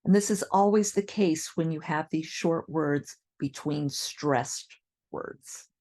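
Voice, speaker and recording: An American woman gives an English pronunciation lesson at a very unhurried pace. Her voice sits a little low, and she drills example phrases over and over with careful, deliberate delivery. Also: mellow. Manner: models example sentences, repeating drills. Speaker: English teacher. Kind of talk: slow, clear pronunciation lesson.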